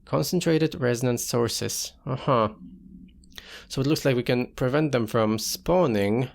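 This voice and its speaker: A man's voice: medium pitch, measured pace, vocal fry. A man giving casual gameplay commentary as a let's player, talking himself through the game and reading in-game text aloud.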